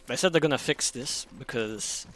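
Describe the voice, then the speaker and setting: A young man in casual gaming chat, often repeating his phrases in quick succession. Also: medium pitch, a bit bright, slight background noise. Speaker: gamer.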